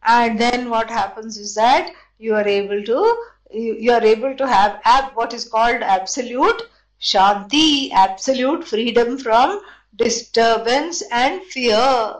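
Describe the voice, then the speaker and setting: A woman with an Indian accent teaching scripture in a deliberate, explanatory way, posing questions and then answering them. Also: fairly high pitch, poor audio. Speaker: spiritual teacher. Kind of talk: scripture lesson with chanted verses and explanation.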